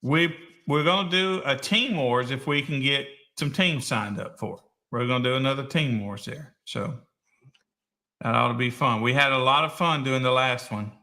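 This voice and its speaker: A man's voice: medium pitch, moderate pace, bright, forceful tone. A man hosting a casual live-stream chat in an easygoing, folksy way. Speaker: show host.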